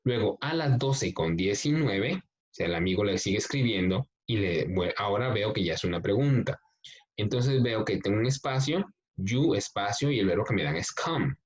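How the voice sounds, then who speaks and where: A male English teacher, explaining a workbook lesson slowly, step by step, and reading the exercises aloud. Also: on the low side, lively intonation. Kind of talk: recorded class explanation. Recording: dull lo-fi recording.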